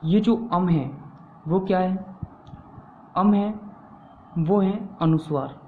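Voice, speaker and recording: Male teacher, slow and deliberate, answers his own questions, repeats key terms; roomy echo, phone-thin sound. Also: sits high, slight background noise. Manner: asks the class questions and answers them himself. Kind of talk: classroom-style grammar lesson. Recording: echoey room over a tinny phone-like line.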